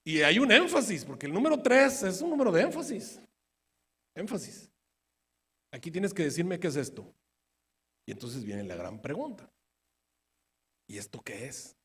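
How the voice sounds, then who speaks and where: A man preaching a Bible study, firing rhetorical questions at his listeners and swinging between emphatic bursts and quiet asides. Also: fairly high pitch, big pitch swings, normal speed, long pauses, slightly rough. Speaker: preacher teaching prophecy. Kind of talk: sermon-style Bible study. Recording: long hall reverb.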